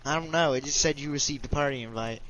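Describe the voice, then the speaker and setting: A man's voice: on the high side, fast, a bit bright, slight background noise, poor audio. A man chatting casually while gaming with a friend, teasing and matter-of-fact. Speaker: gaming partner.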